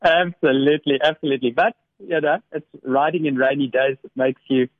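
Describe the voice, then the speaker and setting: An academic man, a regular guest on a radio devotional slot, speaks in a fairly high, steady voice at a fairly quick pace. His warm, conversational reflection is a story full of small restarts and easy laughter, heard over a dry, echo-free, phone-like radio line.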